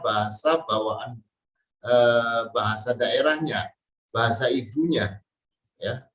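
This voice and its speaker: A man's voice: mid-range voice, a bit bright. Distant, roomy male language teacher. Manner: explains slowly with frequent restarts and repetitions. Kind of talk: spoken language lesson.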